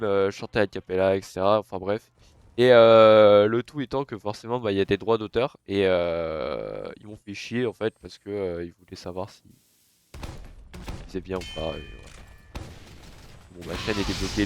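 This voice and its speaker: Clear and resonant, his voice sits on the low side, though a cold has stuffed up his nose. The young gaming YouTuber casually narrates his game, chatting, swearing and yelping with sudden excitement.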